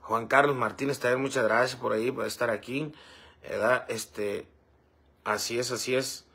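A man's voice: mid-range voice, fairly even intonation, normal speed, a bit bright. A man hosting a casual livestream, reading viewer comments aloud and rambling with many fillers. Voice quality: gravelly, husky. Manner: rambling, fillers like "este" and "¿verdad?".

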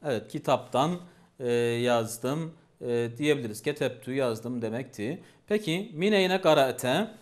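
A man's voice: medium pitch, lively intonation, unhurried. A man teaching a language lesson, patiently repeating each phrase and asking questions.

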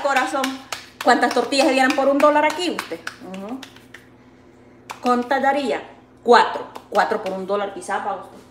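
High-voiced Salvadoran woman vlogging. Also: a bit bright. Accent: Salvadoran Spanish. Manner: affectionate, calls viewers sweet pet names; consoling, folksy and talkative. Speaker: vlogger reading viewer comments. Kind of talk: casual live-stream chat. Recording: echoey room with faint background noise.

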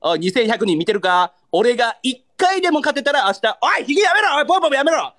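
A man's voice: very high-pitched, very animated, quick pace, a bit bright. A young man with a Kansai accent, a livestreamer bantering in mock anger and pleading with viewers for gifts. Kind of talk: live-stream battle banter.

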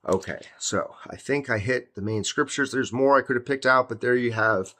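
A man preaching a sermon, reading scripture slowly and then explaining it in emphatic, informal words. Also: mid-range voice, pushed and bright.

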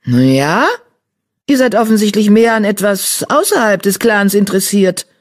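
A woman's voice: very deep voice, very animated, slow, exaggerated voice. Lady reading as a grim growly warrior cat, curt and hostile.

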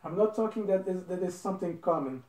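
A man's voice: high voice, fast talker, warm tone. A young man from Belgium in his twenties, answering interview questions in an earnest, casual way and repeating points for emphasis. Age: 20s. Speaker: interview guest. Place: living room indoors. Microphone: phone camera across a table. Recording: roomy, from a distance.

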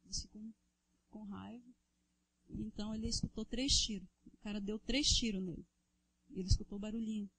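Brazilian lady preaching in church, husky voice, emotional testimony. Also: mid-range voice, steady tone, a little fast, pauses often, a bit bright, rough recording. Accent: Brazilian Portuguese. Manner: emotional, addresses listeners as brothers. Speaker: church member giving testimony.

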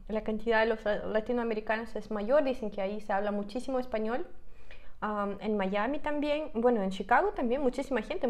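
A woman's voice: on the high side, darkish tone. A young Russian woman in her twenties, a native Russian speaker, vlogging casually and thinking aloud as she reads from her laptop, with many fillers and restarts. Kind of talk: casual reaction vlog. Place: home room with a piano, indoors. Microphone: clip-on lapel mic.

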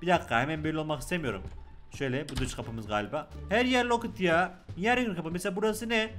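A young man with a Turkish accent giving joking, excitable let's-play commentary, talking loudly to the game's baby. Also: on the high side, fast talker, faint music behind. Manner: loud, joking, excitable, talks to the game baby. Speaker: gaming YouTuber.

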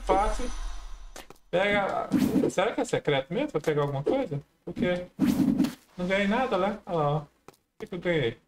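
A man's voice: on the high side, heavy background noise. A man casually commenting on his own gameplay, chatting to viewers with frequent exclamations. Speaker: gameplay streamer. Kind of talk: casual let's-play commentary.

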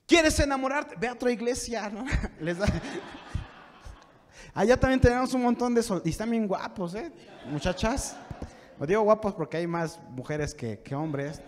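A man preaching a sermon to young people, building from calm talk to fervent shouting. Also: sits high, moderate pace, long pauses. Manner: preaching with rising fervor, shouting at peaks. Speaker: pastor. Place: church sanctuary. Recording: long church reverb.

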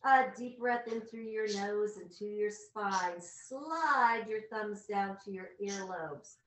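Female exercise instructor, medium pitch, measured directive counting while exerting herself, echoey video-call room sound. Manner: brisk, directive coaching in short clipped cues; physically exerting while talking, lying on mat. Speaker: fitness instructor. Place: large wood-panelled living room. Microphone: far camera on a video call.

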